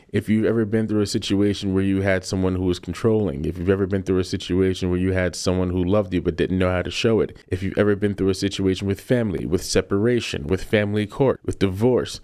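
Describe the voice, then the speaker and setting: Emphatic ranting man, low voice. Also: a little mellow. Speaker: commentary host. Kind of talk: casual opinion rant.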